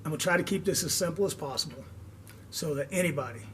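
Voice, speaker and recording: An older man hosting a do-it-yourself car repair video, out of breath and pausing for air as he rambles through a casual, long-winded explanation. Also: a little high, background noise. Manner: rambling, long-winded, pauses for air, tags lines with "okay?". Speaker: DIY car repair host. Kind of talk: casual instructional talk.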